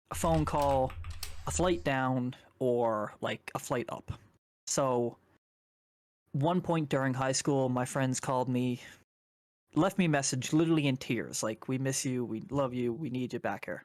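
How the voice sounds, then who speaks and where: A man's voice: mid-range voice, darkish tone, no room sound, clean studio sound. A young man from Canada, a guest on a chat stream, rambling casually through a personal story and swearing now and then.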